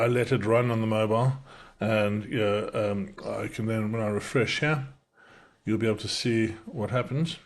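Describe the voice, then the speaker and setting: A lowish-voiced, middle-aged man walks viewers through software in a relaxed screen-share tutorial, shown by webcam in a small circle over the screen. He's an entrepreneur whose South African accent has softened after decades in the UK, and he talks rapidly, often restarting and using fillers.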